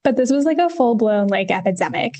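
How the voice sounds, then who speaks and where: A woman co-hosting a casual history podcast, talking in a relaxed way with lots of ums and the odd wry swear word. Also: fairly high pitch, a little fast. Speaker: podcast co-host.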